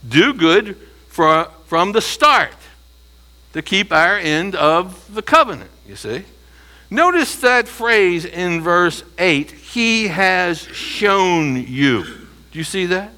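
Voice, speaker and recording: Male preacher, slightly high voice, animated and emphatic sermon delivery. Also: takes it slowly. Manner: animated, rising to near shouting at emphatic points; rhetorical questions to the congregation.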